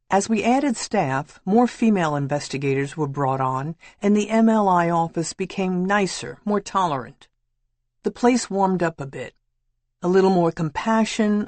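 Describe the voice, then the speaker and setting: A woman reading a memoir audiobook in a measured, matter-of-fact way. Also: on the low side, a little mellow, no echo. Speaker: audiobook narrator. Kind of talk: scripted memoir narration.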